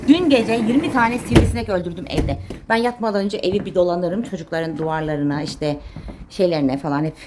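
A woman's voice: sits low, noisy background. A woman vlogging casually as she cleans and gardens, chatting to her viewers, her pets and her plants. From Turkey. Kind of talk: casual chat while doing chores. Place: home and garden.

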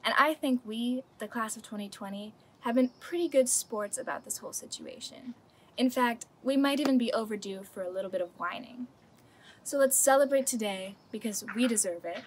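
A young woman, the senior class speaker, gives a comic graduation speech full of deadpan, self-mocking humor. Her voice is fairly high and her pace moderate. It was recorded on a camera mic outdoors in a home garden, with a little hiss or hum.

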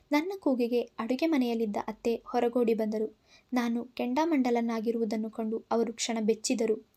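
A woman narrating a story in an expressive, dramatic reading. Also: a little high.

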